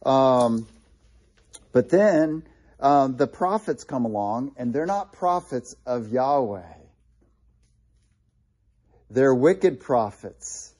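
A man leads a relaxed Bible lesson, walking listeners through a map with plenty of ums and false starts. His voice is husky and a little breathy. The tone sits dark and mellow throughout. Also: mid-range voice, very slow, pauses often. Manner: conversational, with frequent fillers and restarts; points out places on a map while explaining. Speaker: Bible teacher. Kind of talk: casual Bible study teaching.

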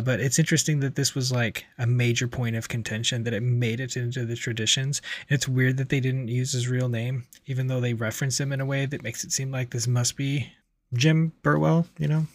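A man reading a book aloud and breaking off into blunt, profane commentary with animated asides. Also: mid-range voice, dry recording. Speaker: podcast host reading and commenting.

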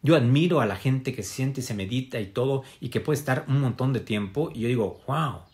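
A man's voice: mid-range voice, lively intonation, brisk, darkish tone. A man giving a casual spiritual wellness talk to an audience. He speaks reflectively, with many fillers and tag questions. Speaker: motivational speaker.

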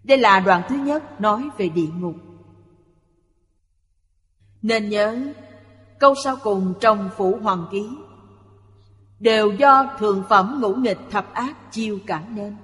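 A speaker reading a Buddhist sutra commentary aloud in a measured, explanatory way. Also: mid-range voice. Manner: slow, even, explanatory delivery. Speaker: reader of a Buddhist lecture. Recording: long hall reverb.

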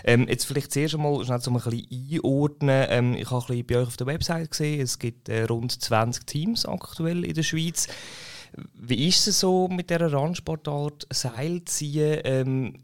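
A man's voice: medium pitch, animated, moderate pace. Swiss german guy hosting a podcast, mid voice, loose casual questions. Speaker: podcast host. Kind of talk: casual interview.

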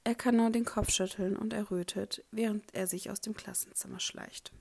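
A woman narrating a fan fiction story in a soft, quiet reading voice. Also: mid-range voice, fairly even intonation, moderate pace, vocal fry, breathy edge. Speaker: audiobook reader.

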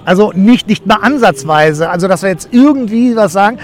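A man's voice: high voice, animated, brisk, slight background noise. A man giving a street interview outdoors in a city, rambling and searching for words. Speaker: event attendee.

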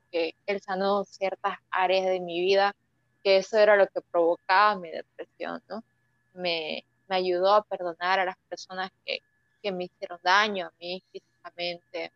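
Fairly low in pitch, a young woman's voice recounts her own story as an interview guest, hesitant and emotional with many restarts while she searches for words. The recording is dry, dull and lo-fi, without any room sound.

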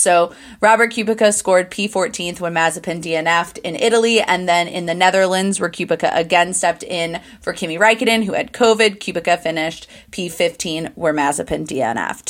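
Brief: young woman, podcast co-host, chatty, giggly, mid pitch. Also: fairly bright tone. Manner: chatty, giggly, playfully exaggerated. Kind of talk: casual chat.

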